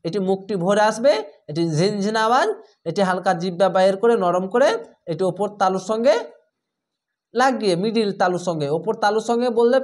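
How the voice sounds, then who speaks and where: A woman with a Bangladeshi Bengali accent leads an online recitation lesson. She speaks patiently at a middle pitch and repeats each letter sound slowly, one example after another. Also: a little mellow. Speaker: Quran reading teacher.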